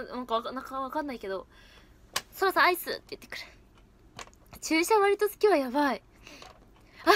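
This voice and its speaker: Brief: young woman, high bright voice, giggly casual livestream chatter. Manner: giggly, chatty, reacts to comments. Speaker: idol livestream host. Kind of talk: casual livestream chat reading comments.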